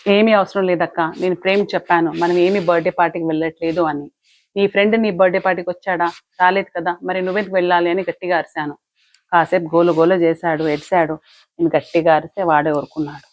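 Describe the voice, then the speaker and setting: A woman's voice: on the low side, little pitch movement, quick pace, natural voice. A woman playing a stubborn young mother who defends holding a grudge against her friend. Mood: defensive. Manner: defensive, justifying herself. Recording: dull lo-fi, dry.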